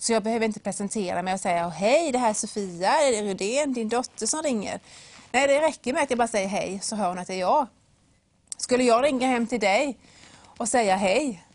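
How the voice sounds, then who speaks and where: A woman's voice: a little high, a little mellow, no echo. A woman giving a devotional talk that retells a Bible story, acting out the voices and speaking straight to the listener with simple examples. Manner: storytelling with acted-out voices and a whispered aside.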